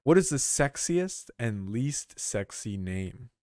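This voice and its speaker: Young guy cohosting a podcast, smooth clear voice, dry close sound, swears a lot, super laid-back. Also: medium pitch, sing-song, takes it slowly, dark tone, dry recording. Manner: laid-back, swears freely, reads questions aloud. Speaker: podcast co-host. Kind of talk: casual chat.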